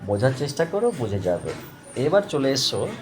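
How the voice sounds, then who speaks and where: With a mid-range voice and big pitch swings, this English tutor works through grammar with his students over soft background music. He goes slowly, spelling words out and repeating them, and keeps asking "okay?"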